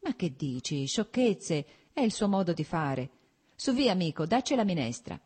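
A woman's voice: lowish voice, very animated, moderate pace, darkish tone, slightly rough. Jovial worldly nobleman, read by a woman. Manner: jovial, teasing, knowing. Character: genial, worldly nobleman bon vivant.

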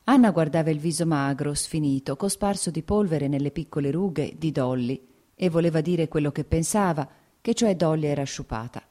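Brief: low-pitched woman narrator, calm audiobook reading of a classic novel. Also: moderate pace.

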